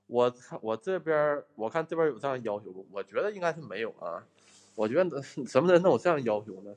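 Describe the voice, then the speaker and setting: A young man, livestreaming a ghost hunt indoors in an abandoned house. He chats and jokes with his viewers and flares up in mock anger, speaking into a handheld phone. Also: mid-range voice. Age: young adult. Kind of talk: casual livestream chat.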